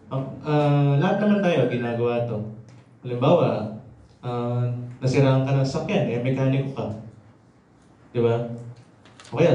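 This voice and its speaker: A man's voice: medium pitch, warm tone, highs cut off. A slightly out-of-breath man preaching a conversational sermon, checking in with the congregation often. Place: church hall. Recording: very echoey, from a distance.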